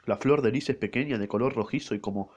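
A man's voice: mid-range voice, darkish tone, natural voice. Athos, grave phlegmatic musketeer, read by a man. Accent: Argentine Rioplatense Spanish. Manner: measured, often slowed. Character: older male musketeer, phlegmatic and gloomy.

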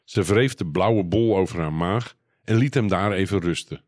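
Male storybook narrator, low voice, calm even read, dry close sound. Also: moderate pace, no room sound.

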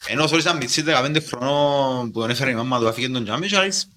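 A man's voice: medium pitch, bright, forceful tone, a little hiss or hum. A man with a Greek Cypriot accent hosting a casual interview, chatting in colloquial dialect with English words dropped in. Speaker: podcast host interviewing a band. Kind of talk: casual chat.

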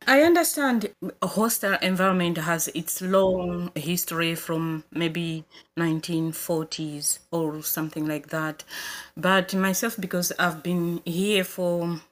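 A woman from Malawi, a campaigner answering interview questions in a hesitant way, with frequent pauses and fillers. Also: on the low side. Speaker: guest, migrants' rights campaigner.

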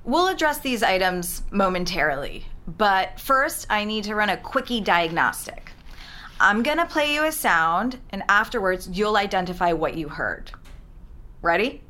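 An actress playing a formal, overly polite attendant who calmly guides someone through strange instructions. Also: female voice, medium pitch, measured pace. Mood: clinical. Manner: calm, formal, clinical instructions. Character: overly polite woman attendant guiding a captive.

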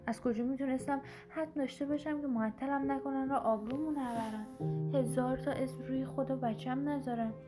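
A woman narrating a first-person short story in a measured, earnest way. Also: on the high side. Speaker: audiobook narrator. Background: background instrumental music.

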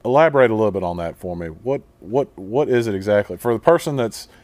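A man hosts a podcast in a low voice. He asks long, rambling questions at an easy conversational pace. His voice sounds dry and close to the mic. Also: animated, fast talker, darkish tone, no room sound. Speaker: podcast host. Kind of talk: casual interview questions.

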